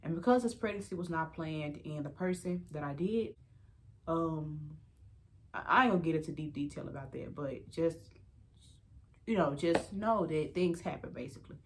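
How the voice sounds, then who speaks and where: A woman's voice: low voice, normal speed, a little hiss or hum. Candid young woman, rambling vlog confession. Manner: candid, rambling, many fillers and restarts; addresses viewers as y'all. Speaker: vlogger. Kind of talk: emotional personal update.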